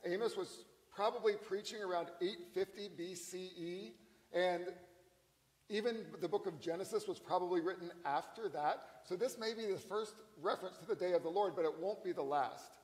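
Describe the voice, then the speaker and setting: A male pastor preaching a sermon in a conversational, emphatic way, slowing down on key lines. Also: high voice, darkish tone, long reverb tail, rough recording.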